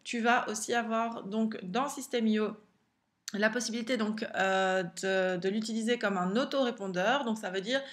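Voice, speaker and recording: A woman with a French accent gives a casual vlog to camera as an online business coach. Her voice sits a little high, and her talk is chatty and informal, with many fillers and restarts. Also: moderate pace.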